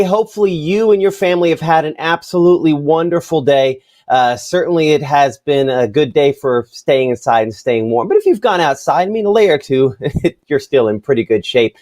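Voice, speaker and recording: A man's voice: fairly high pitch, a little fast, darkish tone. A man presenting a live TV weather forecast as chief meteorologist, talking in a loose, chatty way with fillers and asides. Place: TV weather studio.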